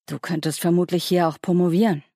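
A woman's voice: fairly low pitch, fairly even intonation, fairly quick, warm tone, no echo. Woman voicing a dry, distracted male professor.

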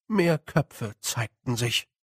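A man reading a storybook aloud in calm, measured scripted narration. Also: medium pitch, slightly rough, dry recording, studio quality. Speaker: audiobook narrator.

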